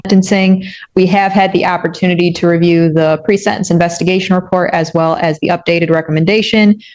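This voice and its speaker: A woman, an assistant public defender, addressing the judge in measured, procedural legal phrasing in a courtroom recording. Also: fairly low pitch, steady tone, a little mellow.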